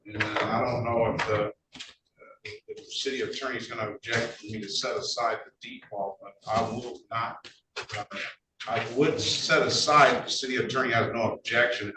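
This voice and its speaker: This courtroom recording is noisy and reverberant, with the mic placed far away. The man presiding over traffic court speaks in a mid-range voice, haltingly, with repeated words and folksy asides.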